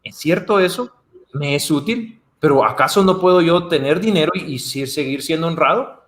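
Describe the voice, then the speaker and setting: A man's voice: on the high side, animated, moderate pace, fairly bright tone. A Guatemalan man speaking as a guest on a video call, chatting casually and acting out the voices of the people he quotes. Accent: Guatemalan Spanish. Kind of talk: conversational talk on a video call.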